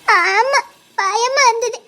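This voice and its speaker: A woman's voice: very high voice, takes it slowly, sharp tone, heavily acted. A young woman playing a sulky, tender village sweetheart in a web series drama, talking in a tearful, pleading way. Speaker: actor.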